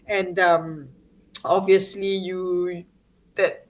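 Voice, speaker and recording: A woman's voice: lowish voice, flat delivery, extremely slow, poor audio. A woman talks as an interview guest in a loose, chatty way. She restarts sentences, stacks fillers and laughs often. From Singapore. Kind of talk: casual interview chat.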